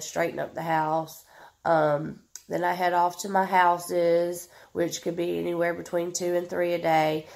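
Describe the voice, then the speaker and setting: A woman's voice: lowish voice, gravelly, darkish tone. A woman in her thirties with a Southern US accent, stuffed up and sniffling, chatting casually to camera as she answers viewers' questions. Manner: chatty, drawling, many ums, reads comments aloud.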